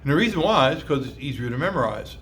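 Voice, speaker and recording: This male lecturer has a mid-range, fairly bright voice and is very animated, moving at a quick pace with slight background noise behind him. Teaching conversationally, he leans on fillers and rhetorical questions, spelling out words letter by letter and voicing archaic pronunciations.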